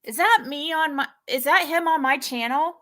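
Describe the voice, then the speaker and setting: A young woman hosts a livestream, reacting to an old clip with casual commentary that rambles and keeps correcting itself. Her voice is high, pushed and bright, at a moderate pace.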